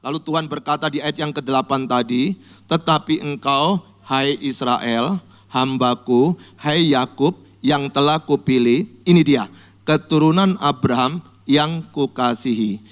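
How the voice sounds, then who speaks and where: A male pastor preaching a sermon, telling Bible stories vividly and acting out people's cries for help in a high voice. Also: measured pace. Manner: lively storytelling, acts out cries in a high voice. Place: church.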